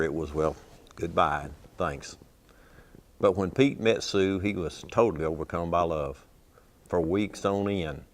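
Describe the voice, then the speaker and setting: A man in his sixties recites rhyming cowboy verse in a low-pitched voice. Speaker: cowboy poet. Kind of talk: storytelling poetry recitation.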